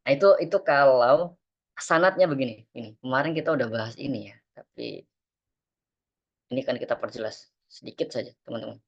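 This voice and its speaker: A man's voice: medium pitch, sing-song, creaky, breathy edge, lo-fi sound. Patient man teaching Quran recitation. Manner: patient, explains then recites verses slowly in melodic chant. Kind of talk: online tajwid class.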